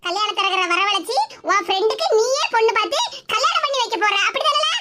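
A woman acts out a fiery old cartoon mother who scolds and accuses with sarcasm, in a Tirunelveli Tamil accent. Her voice is very high and fast, with a noisy hiss behind it. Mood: angry scolding.

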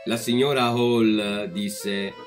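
A man reading a fairy tale aloud as a storyteller, calm and measured. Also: fairly low pitch, music in the background.

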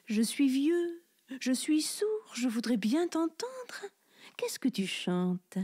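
A woman voicing a cunning old fox who flatters slowly and coaxes in near-whispers, in a storybook tale. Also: high voice, full character voice. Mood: sly coaxing. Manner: smooth, slow and coaxing, drops to a whisper.

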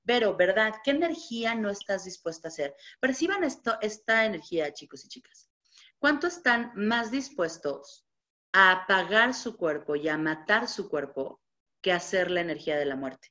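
A young adult woman coach giving a motivational live talk to an audience, asking a stream of questions and chanting repeated clearing phrases. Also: medium pitch, animated, moderate pace, bright, forceful tone. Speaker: body-positivity coach. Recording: muffled lo-fi recording.

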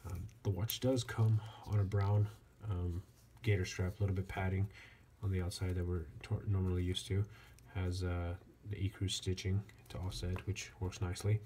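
Steady background noise comes through clearly as a man gives a casual hands-on watch review. He speaks in a low voice, haltingly, pausing often.

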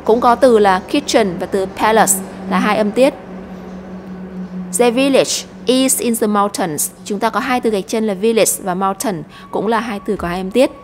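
A woman's voice: mid-range voice, normal speed, few pauses, in a large hall, slight background noise. A Vietnamese woman teaching an English lesson to children, explaining patiently and step by step.

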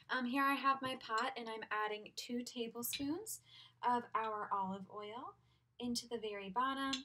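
Chatty young woman cooking at home. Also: a little high. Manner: chatty and upbeat, moving around while cooking. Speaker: cooking instructor. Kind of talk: casual cooking demonstration. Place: small home kitchen. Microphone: laptop webcam at a distance. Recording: loud cooking noise and clicks.

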